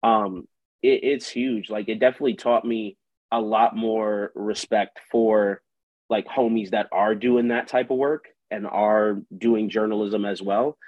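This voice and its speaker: This man, a guest on an interview who works as a musician and writer, chats in a slangy, loose way and fills his talk with "like". He sounds on the low side, steady and unhurried. The close, dry recording is dull and lo-fi, without any room sound.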